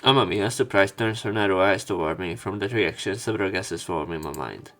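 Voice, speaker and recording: Reading a visual novel's narration as a let's player, a man speaks fairly quickly in a low, animated, slightly bright voice. Occasional stumbles and repeated words come through over the game music behind him.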